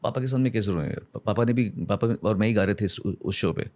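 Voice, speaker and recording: Earnest, low-voiced man reflecting. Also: fast, darkish tone. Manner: earnest and emphatic, drops into quoted prayers and dialogue; heartfelt, retells emotional moments with intensity. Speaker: singer, podcast guest. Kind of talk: reflective podcast storytelling.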